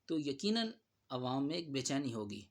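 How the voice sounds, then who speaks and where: A man giving spoken commentary on a religious dispute in a measured, admonishing tone. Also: mid-range voice, very animated.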